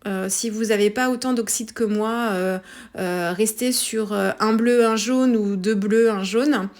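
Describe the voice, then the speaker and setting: A woman's voice: mid-range voice, measured pace, a little mellow. A woman with a French accent talks through a scrapbooking tutorial in a casual, hesitant way, full of fillers and self-corrections. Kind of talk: casual craft tutorial voice-over.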